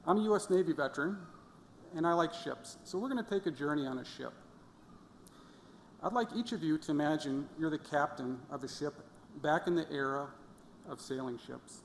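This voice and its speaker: A man's voice: fairly high pitch, moderate pace, vocal fry, a little hiss or hum. A middle-aged man giving a commencement speech, telling stories and addressing the graduates with playful asides. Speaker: commencement speaker. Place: large fieldhouse hall. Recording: echoey hall with long reverb, faint crowd ambience.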